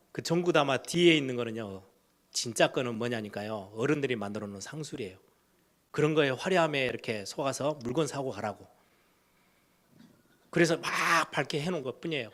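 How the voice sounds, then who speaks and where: Man preaching a sermon, middle-aged, storytelling, loud bursts then quiet low asides, mid-pitched voice. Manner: storytelling, acts out quoted voices of kids and parents; wide swings between loud emphatic and hushed low phrases. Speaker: pastor.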